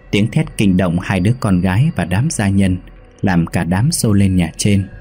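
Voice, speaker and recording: A man telling a horror story in a slow, measured narration. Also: on the low side, mellow, breathy edge.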